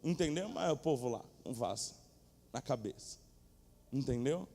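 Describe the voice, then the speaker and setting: A man preaching a sermon from a church stage in a lively, colloquial way, speaking directly to the congregation. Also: medium pitch, normal speed, gravelly. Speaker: pastor. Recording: echoey church hall.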